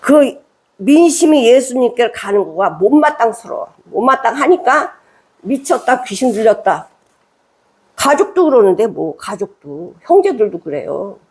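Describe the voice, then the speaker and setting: A woman's voice: fairly high pitch, very animated, a little slow, darkish tone, slightly rough. A woman pastor preaching a sermon in a conversational way, reading scripture and then explaining it with rhetorical questions. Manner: reads scripture aloud, then explains it in plain speech.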